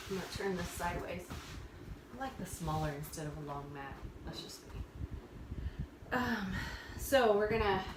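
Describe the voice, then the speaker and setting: A woman leading a workout as a fitness instructor, explaining moves and counting reps informally, often thinking aloud. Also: medium pitch. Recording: roomy, far from mic, noisy.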